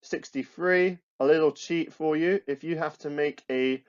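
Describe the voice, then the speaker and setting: A man's voice: on the high side, measured pace, dull audio. A man with a British accent teaching computer science to students over slides, explaining step by step with frequent restarts and fillers. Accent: British English. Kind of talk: recorded classroom lesson with slides.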